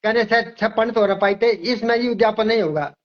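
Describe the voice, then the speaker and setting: Older man, high-pitched, emphatic lecturing astrologer, dull lo-fi sound. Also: a little fast. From Himachal Pradesh, India. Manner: emphatic, lecturing, repeats words. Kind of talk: interview.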